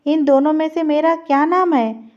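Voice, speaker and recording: A woman's voice: sits high, steady tone, normal speed, a little mellow, close to an everyday voice. A woman voicing a confused, frightened four-year-old child in a read-aloud story, asking in an earnest, plain way. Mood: bewildered. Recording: slightly dull lo-fi recording.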